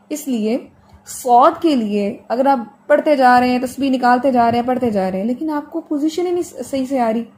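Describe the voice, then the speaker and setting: A woman teaching Quranic pronunciation in a fairly high voice, over a faint hiss of background noise. She explains each letter patiently with homely comparisons. She drags out the model sounds slowly so the class can copy them. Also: a little mellow. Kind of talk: online tajweed lesson.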